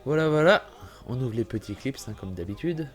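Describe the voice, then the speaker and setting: A man's voice: lowish voice, lively intonation, brisk, warm tone, soft background music. Chatty man with a cold. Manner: chatty, apologetic, self-correcting. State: has a cold, clearing throat. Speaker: gaming YouTuber. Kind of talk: casual gameplay walkthrough commentary.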